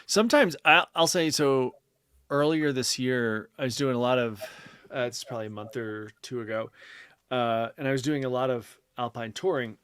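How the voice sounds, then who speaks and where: A man's voice: mid-range voice, normal speed, a bit bright, clean tone. Rambling man explaining in casual chat. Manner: rambling, explanatory, many fillers and restarts. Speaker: podcast co-host.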